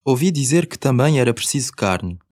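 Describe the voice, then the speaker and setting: A man's voice: medium pitch, lively intonation, a little fast, darkish tone, no room sound, clean studio sound. A man with a European Portuguese accent reading scripted language-course dialogue, carefully enunciated.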